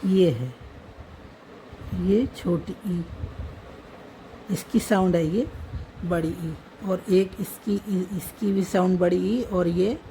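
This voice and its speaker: A woman teacher talks through a writing lesson very slowly, naming letters one at a time and repeating each word. Her voice is low, dark and gravelly with creak. A faint hiss of background noise sits under the recording. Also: low-quality recording. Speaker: language teacher. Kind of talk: slow step-by-step writing lesson.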